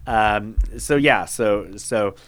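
Middle-aged man, low-pitched, hesitant, halting, casual podcast guest. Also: a bit bright. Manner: hesitant, halting, many restarts and "you know".

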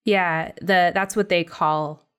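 Young woman, casual chat, rambling, fillers, lowish voice. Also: fairly even intonation, slow pace, a bit bright, clean tone. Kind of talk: casual chat planning a comedy sketch.

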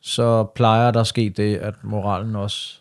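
A man's voice: fairly low pitch, level tone. A man chatting casually on a podcast in short, colloquial remarks. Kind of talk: casual chat.

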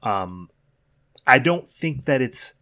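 A man with a Chicago accent co-hosting a casual podcast chat, relaxed and full of fillers. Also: medium pitch, slow pace. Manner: relaxed, filler-heavy, laughs easily. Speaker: podcast co-host.

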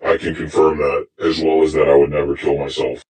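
A man's voice: little pitch movement, a little fast, a little mellow, echoey room. A man calling into a live stream through an electronic voice disguiser, giving short, grave answers. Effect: electronic voice disguiser, pitched very deep. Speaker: anonymous caller on a live stream. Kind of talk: live call-in interview.

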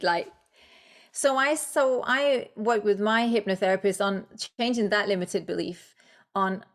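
This is a podcast interview in English with a woman from Denmark who grew up speaking Danish; she's an author and coach appearing as a guest. She has a medium pitch and comes across as encouraging and thoughtful, using many fillers.

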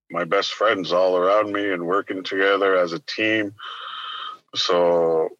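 A man from Arctic Canada, giving plain-spoken, reflective interview answers and pausing between phrases. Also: low-pitched, sharp tone, no echo, highs cut off. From Arctic northern Canada. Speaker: interview guest, business owner.

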